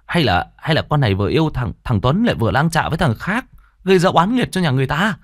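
A man voicing a hot-tempered village father who talks gruffly and stammers when scared. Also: fairly low pitch, very animated, normal speed, a bit bright, no room sound, clean studio sound.

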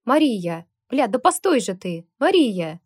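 A woman voicing a gruff, stubborn man who talks tersely and rudely, in an audiobook. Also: medium pitch, moderate pace, warm tone, no echo, clean studio sound, natural voice. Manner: terse and rude.

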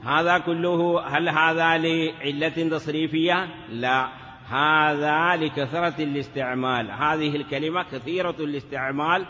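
A man's voice: a little high, steady tone, moderate pace, pushed and bright, in a large hall, lo-fi sound, slight background noise. A man teaching a grammar lesson in a classroom, asking questions and answering them himself, sometimes drawing words out in a chanting lilt. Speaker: teacher of Arabic morphology. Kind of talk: classroom lecture.

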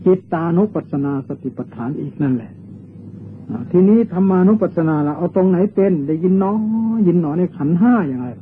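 An older Thai Buddhist monk giving a dharma sermon on meditation, teaching patiently and repeating meditation chants. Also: male voice, high voice. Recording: tinny old lo-fi tape with faint hiss.

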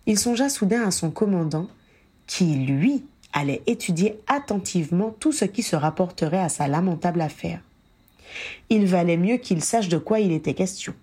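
A woman narrating a fan fiction audiobook in a steady, even storytelling manner. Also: on the low side, normal speed, breathy edge. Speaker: audiobook reader.

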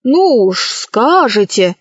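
A brave, modest young boy from a storybook who speaks earnestly in a raised voice, as a woman reader voices him. He talks slowly, and the recording is dry and a little dull. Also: on the high side, darkish tone, no echo.

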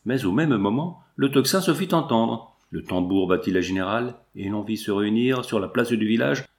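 Male narrator, lowish voice, measured, classic novel reading. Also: lively intonation. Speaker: audiobook narrator.

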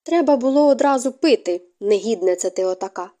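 A worn-out young housemaid from a storybook reading, patient on the surface but seething underneath, voiced by a woman narrator. The voice sits a little high and moves with lively rises and falls, with a soft, mellow tone. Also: brisk, close to an everyday voice. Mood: weary. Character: young woman servant, tired, patient but inwardly irritated.

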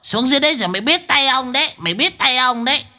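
A man voicing a rowdy male demon guard of the underworld, gruff and blustering. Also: very high voice, animated, very fast, sharp tone, voice pushed up, heavily acted. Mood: grumbling.

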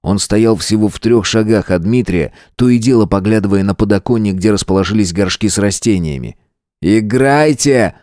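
A man giving steady, measured dramatic audiobook narration. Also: lowish voice, no room sound, clean studio sound.

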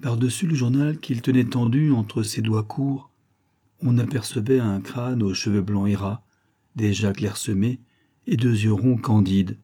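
A man reading a novel aloud in a measured storytelling manner. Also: medium pitch, mellow. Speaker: audiobook reader. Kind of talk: literary narration.

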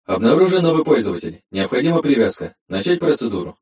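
A man's voice: mid-range voice, sing-song, fast talker, a little mellow, roomy sound, pitched above the performer's own voice. A man voicing an obedient female AI assistant in a metallic, robotic voice, reading out clipped machine reports. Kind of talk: audiobook reading.

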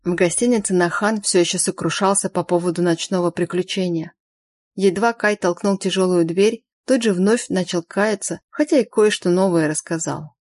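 Even, measured woman audiobook reader; low register, dry close recording. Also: dry recording. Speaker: audiobook narrator. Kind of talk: audiobook narration.

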